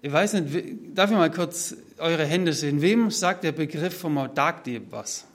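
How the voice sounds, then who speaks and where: Expressive and measured, a higher-voiced man from Swabia, southern Germany, preaches to a congregation from notes, with slight background noise. His sermon is structured and explanatory, and he speaks directly to his listeners.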